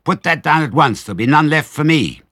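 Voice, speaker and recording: A shrill, bad-tempered storybook rat, shrieking high and loud with indignation. It is quarrelsome and possessive, with a rough edge to the voice. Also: male voice, expressive, brisk, dry recording, clean studio sound, exaggerated voice. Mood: furious, territorial.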